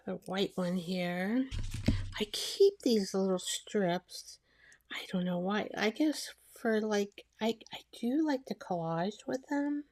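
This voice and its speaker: A woman chatting casually as she makes a collage, rambling and talking to herself while she glues, her voice soft and sometimes dropping to a whisper. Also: mid-range voice. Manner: soft-spoken, drifting into whispers. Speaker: collage artist. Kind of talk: casual crafting narration.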